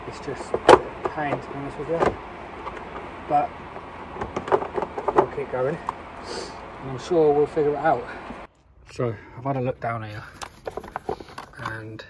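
A man in his thirties, a mechanic vlogger, thinks aloud as he works under a car bonnet. He talks in an even, flat way and his pitch barely moves. A phone camera picks up his voice outdoors, and clear ambient noise sits behind it. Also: slow pace, pauses often. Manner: muttering while working, thinking aloud. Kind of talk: casual work vlog. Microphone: phone camera held close.

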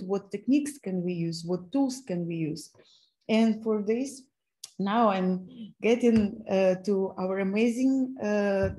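A woman in her thirties with a Ukrainian accent hosts an online learning workshop, presenting from her laptop mic on a video call. Her medium-pitched voice is mellow and warm, though her delivery is halting, full of fillers and restarts.

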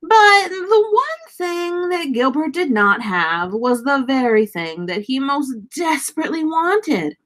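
Reading a storybook to children, this thirties-aged teacher sits in a small indoor room and gives the text vivid, dramatic emphasis. She speaks high, expressive, and slowly, barely pausing, in a fairly bright tone.

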